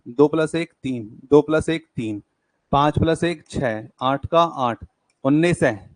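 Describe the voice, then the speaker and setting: Brisk male coaching teacher counting aloud. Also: on the high side, no room sound. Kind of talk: live classroom lecture. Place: classroom.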